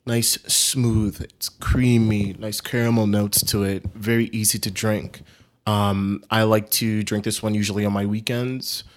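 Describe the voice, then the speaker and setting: Laid-back young man, lowish voice. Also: little pitch movement, a little slow. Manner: laid-back, filler-heavy, laughs easily. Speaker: guest, coffee brand founder. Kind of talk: casual podcast chat.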